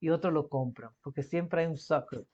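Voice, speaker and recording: A woman's voice: sits low, normal speed, mellow, dull audio. A woman hosting a reaction video, chatting casually and switching between Spanish and English as she thinks aloud. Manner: chatty, restarts and repeats words while thinking aloud.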